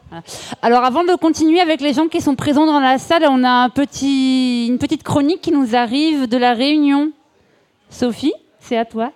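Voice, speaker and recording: High-voiced woman hosting a live radio show. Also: normal speed, a little mellow. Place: venue with a live audience.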